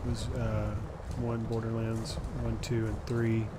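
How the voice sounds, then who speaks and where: A man's voice: lowish voice, completely flat delivery, slow, heavy background noise. A man giving casual commentary as he livestreams a video game. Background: game music.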